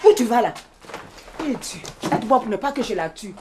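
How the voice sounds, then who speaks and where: A man voicing a fierce old grandmother who scolds and threatens in a shrill voice. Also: animated, brisk, loud music behind the voice. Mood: furious.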